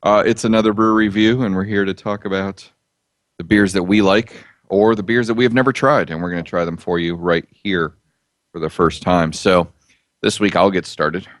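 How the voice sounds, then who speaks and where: A man's voice: low-pitched, steady tone, normal speed, dry recording, clean studio sound. A man in his thirties co-hosting a casual podcast, rambling in an easygoing way and making self-deprecating jokes. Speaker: podcast co-host reviewing beer. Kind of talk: casual chat.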